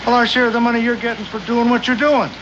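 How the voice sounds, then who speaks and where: A man's voice: very high voice, flat delivery, fast. An actor playing a scheming, self-interested frontier father in a 1960s TV western, wordy, mock-formal and argumentative. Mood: aggrieved. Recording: muffled, noisy old TV soundtrack.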